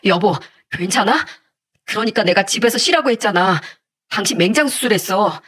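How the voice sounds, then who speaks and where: A woman's voice: medium pitch, lively intonation, normal speed, fairly bright tone, slightly rough. A woman voicing an earnest middle-aged husband who talks to his wife in a pleading, heartfelt way, in a storybook-style telling. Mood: worried. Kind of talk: storybook narration with acted voices.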